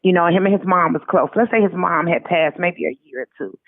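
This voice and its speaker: Her voice is lowish and fairly quick, with no echo: an American woman telling casual personal stories as an interview guest, chatting colloquially and acting out what people said. The recording comes through a narrow, tinny phone line.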